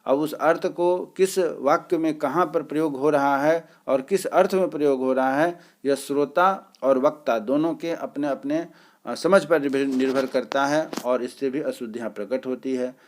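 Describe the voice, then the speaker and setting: Guy giving an exam prep lecture, goes step by step, lots of little pauses and "uh"s. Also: on the high side. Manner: explains step by step with pauses and filler sounds. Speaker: teacher.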